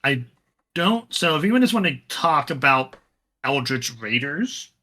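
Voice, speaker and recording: A man co-hosting a podcast, chatting casually about a tabletop wargame with a relaxed, rambling delivery full of fillers and restarts. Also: on the high side, measured pace. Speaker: podcast co-host.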